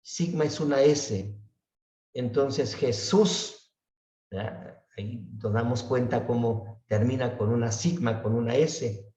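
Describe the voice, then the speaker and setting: A man teaching a slow Bible study class, often checking in with his listeners and drawing out the words he repeats. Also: mid-range voice, dark tone. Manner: unhurried, often asks "¿verdad?" and draws out words he repeats. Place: church room. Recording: echoey room, voice far from the mic, dull sound.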